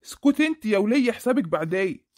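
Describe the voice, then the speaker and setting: A woman voicing a stern middle-aged Egyptian father in a cartoon, gruff and sarcastic as he scolds his family, with an Egyptian accent. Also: medium pitch, expressive, fast, warm tone, close to an everyday voice. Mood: scolding. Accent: Egyptian Arabic. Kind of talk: cartoon voice acting.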